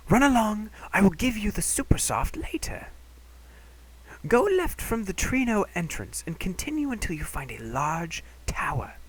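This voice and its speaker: Man putting on a hushed old scholar, Doctor Tot. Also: sits high, big pitch swings, normal speed, hardly any pauses, pitched above the performer's own voice, rough recording. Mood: hushed, helpful. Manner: raised, half-whispered old man's voice. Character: old male scholar, kindly and secretive.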